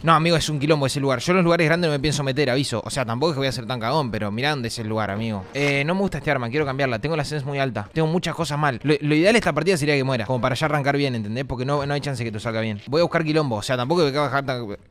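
A young Argentine man streaming a shooter game live, chatting excitedly and swearing at the game. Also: medium pitch, racing, hardly any pauses, a little hiss or hum. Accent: Argentine Spanish. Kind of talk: live gameplay commentary. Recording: game music and gunfire behind. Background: game music and gunshots.

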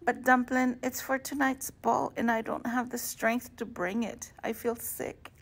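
A woman reading aloud, voicing a tired, sick mother who speaks softly and weakly to her daughter. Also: on the high side, flat delivery, unhurried, gravelly, voice pushed up. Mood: tender. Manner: weak, soft-spoken.

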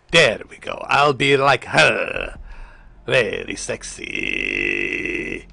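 Medium in pitch, his voice carries vocal fry and sounds pushed and bright in a dry recording. He's a man in his thirties doing casual gameplay commentary on a home stream, teasing his chat, joking and swearing into a headset with a large foam mic.

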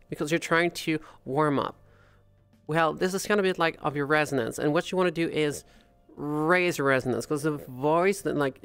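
A chatty tutor with a Quebec French accent walks through vocal tips and demonstrates sounds mid-sentence. The voice is smooth and resonant, in a dry, close recording with soft music underneath. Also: mid-range voice, dry recording. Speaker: voice coach. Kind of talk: casual tutorial.

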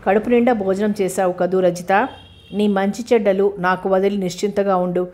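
A woman reading the part of a calm, tender young detective hero in an audiobook, speaking gently and reassuringly. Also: mid-range voice, moderate pace, close to an everyday voice.

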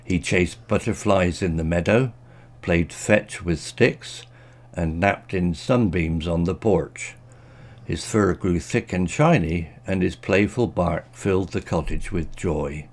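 A man narrating a children's story in a gentle, expressive storytelling manner. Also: deep voice, slow pace.

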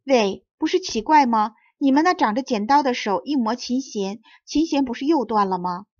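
A woman voicing a mild, gently teasing young man who plays guitar. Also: on the high side, moderate pace, no room sound, lo-fi sound, close to an everyday voice. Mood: gentle.

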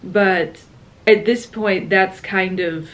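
A woman's voice: medium pitch, steady tone, slow pace, a bit bright, low-quality recording. A young woman in her twenties chatting casually on a travel vlog, tired and a little playful, trailing off into laughs. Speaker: travel vlogger. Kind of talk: casual chat.

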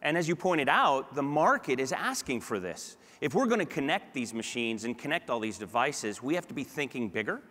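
Middle-aged male executive, conversational stage talk, mid-pitched, long hall reverb. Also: sing-song, normal speed, hardly any pauses, pushed and bright. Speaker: guest sales executive. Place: large conference stage indoors. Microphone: clip-on lapel mic.

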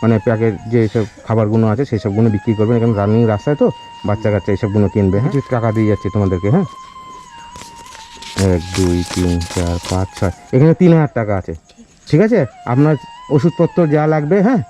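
A man's voice: fairly low pitch, lively intonation, fast talker, mellow, soft background music. A young man interviewing villagers outdoors, coaxing and repeating his questions. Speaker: charity vlogger host. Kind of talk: casual on-location interviewing.

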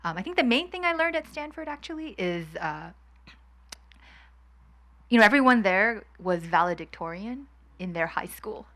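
A woman's voice: medium pitch, expressive, fairly bright tone. A woman in her thirties from Hong Kong, talking candidly as a guest in a fireside chat, with frequent light laughs, into a handheld mic at an outdoor event. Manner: candid, quick laughs, chatty. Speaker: guest investor.

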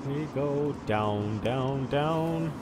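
Slow, laid-back male gamer with noise. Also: mid-range voice. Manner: laid-back, laughs often, mild swearing. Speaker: let's-play host. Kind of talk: casual gaming chat. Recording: noisy background.

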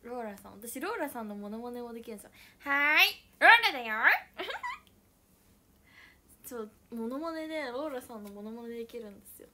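A young woman chatting casually on a livestream, playful and mock-dramatic, sometimes dropping to soft murmurs. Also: a little high, animated, fairly quick. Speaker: idol livestreamer. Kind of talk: casual livestream chat with viewers.

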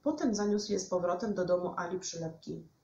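A woman teacher reading a bedtime storybook aloud in an expressive, lively way. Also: fairly low pitch, fairly quick, creaky, a little hiss or hum. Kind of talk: storybook narration. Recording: echoey room, dull lo-fi sound.

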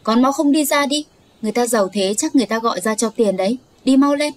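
A woman doing a shrill, scolding street sweeper. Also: fairly quick, natural voice. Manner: scolding, shouting insults.

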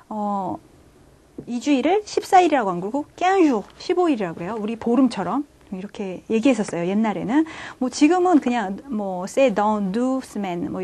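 Woman lecturing on French, slightly high pitch, patient and clear, reads examples slowly. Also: mellow. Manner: explains patiently, starting phrases with "자". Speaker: French teacher. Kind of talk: online language lecture.

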